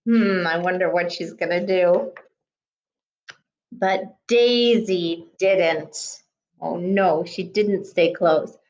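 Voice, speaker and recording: Slow, expressive woman teacher reading aloud. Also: on the low side. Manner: gentle, expressive, pausing to ask questions. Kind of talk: reading a picture book aloud to children.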